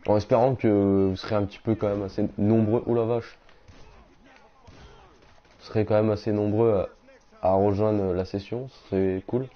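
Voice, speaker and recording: A young man chatting casually on a game live stream, reading out viewers' messages and answering them in slangy, relaxed talk. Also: on the low side. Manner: slangy, reads chat aloud and answers viewers. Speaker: gaming streamer. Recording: dull lo-fi stream audio.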